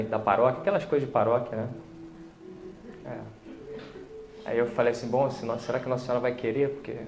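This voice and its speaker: A man with a Brazilian Portuguese accent tells a story of faith in a chatty, animated way and acts out the dialogue. His voice sits somewhat high. The recording has a roomy echo. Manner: conversational, animated retelling with quoted dialogue. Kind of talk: storytelling testimony.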